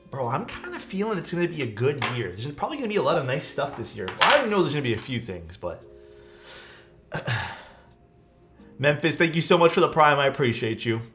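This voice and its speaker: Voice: mid-range voice, a bit bright. A live streamer chatting casually with viewers, thanking them and using slangy, mildly sweary talk full of dude and bro.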